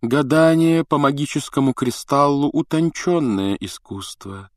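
A man's voice: on the high side, lively intonation, dry recording, studio quality, voice pushed up. A man doing Trelawney, a crooning seer. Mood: dreamy crooning. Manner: drawn-out, crooning delivery. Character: dreamy, sing-song female divination teacher.

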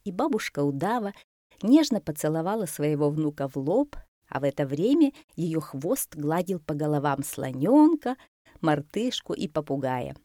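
A woman reading a children's story aloud in an expressive, unhurried way. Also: sits low, no room sound, studio quality.

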